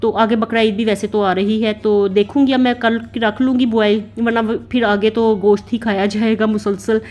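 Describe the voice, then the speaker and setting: A woman's voice: fairly high pitch, steady tone, moderate pace, darkish tone, faint music behind. A woman in her thirties from Pakistan, chatting through a casual voice-over for her home cooking and routine vlog. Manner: chatty, rambling, heavy use of filler "na". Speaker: vlogger mother. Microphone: voice-over recorded separately.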